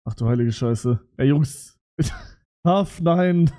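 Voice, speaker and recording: A young man with a fairly high voice streams live and reacts to his messages. His chatter is loud, excitable and full of slang, as he talks straight to his viewers. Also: slow. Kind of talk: casual livestream reaction.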